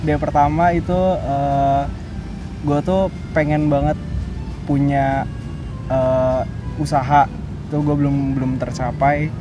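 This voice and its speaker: A 21-year-old man, being interviewed and chatting casually, pausing often to search for words. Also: medium pitch, flat delivery, muffled recording, over music. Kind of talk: casual chat.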